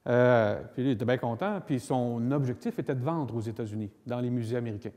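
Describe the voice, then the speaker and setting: A man with a Quebec French accent and a dark, mid-range voice gives a public law lecture at a fairly quick pace, explaining didactically like a lawyer with emphatic repetition and acted-out spoken examples. A long, echoing hall reverb colors the recording.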